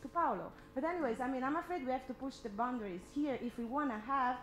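A woman in her thirties speaking as a panelist in an impromptu discussion, halting and repeating words as she argues earnestly into a handheld microphone. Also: sits high. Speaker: symposium panelist. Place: indoor symposium room. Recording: roomy hall echo, noise and hum.

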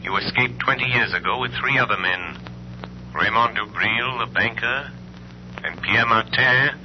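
A man acting as The Shadow, deep-voiced and commanding. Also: natural voice. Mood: probing, accusing. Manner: deliberate, theatrical, commanding. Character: mysterious, stern male crime-fighting vigilante. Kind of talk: 1930s radio acting. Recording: scratchy, dull 1930s radio recording.

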